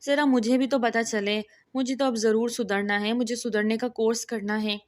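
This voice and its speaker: A woman's voice: fairly high pitch, fairly even intonation, close to an everyday voice. A woman reading as a cheeky young village man. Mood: teasing. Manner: teasing, cheeky.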